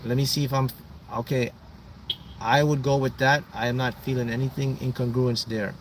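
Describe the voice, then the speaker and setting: A man hosting a livestream, giving casual psychic readings to viewers, talking in halting bursts and dropping low and slow at the ends of lines. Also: little pitch movement. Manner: halting, restarts often, drops low and slow on closing words. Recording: voice a little far from the mic, faint background hum.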